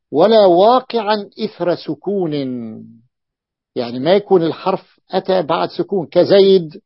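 A male religious teacher giving an explanatory classroom lecture. He repeats his points, stops to check that students follow, and reads quoted lines slowly before explaining them. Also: on the high side, no echo. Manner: repeats points and checks understanding with quick questions. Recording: dull, lo-fi lecture recording.

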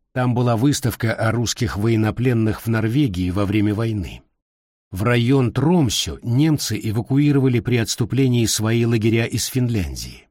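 A middle-aged man reading his own memoir aloud, calm and reflective in a measured way. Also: mid-range voice, breathy edge, no echo, studio quality. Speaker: narrator.

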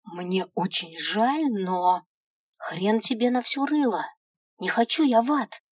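A woman's voice: mid-range voice, a little slow, dry recording, studio quality, close to an everyday voice. A woman voicing a stubborn, hot-tempered young female thief who protests insistently, in a storybook reading. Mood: pleading.

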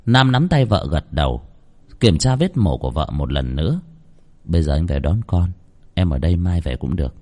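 A man narrating a horror story in an expressive, suspenseful way. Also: deep voice, moderate pace. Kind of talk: dramatic horror story reading.

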